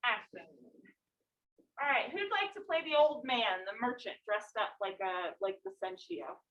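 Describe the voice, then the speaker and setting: A woman teaching a high school English class in an informal, conversational way, checking in with questions. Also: sing-song, measured pace, fairly bright tone, muffled recording. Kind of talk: classroom lesson to students. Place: classroom, voice picked up from a distance. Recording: distant classroom recording.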